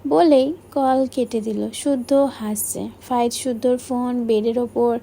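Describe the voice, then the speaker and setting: High, gravelly woman narrating an audiobook. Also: steady tone, takes it slowly, mellow, a little hiss or hum. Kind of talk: audiobook reading of a romance novel.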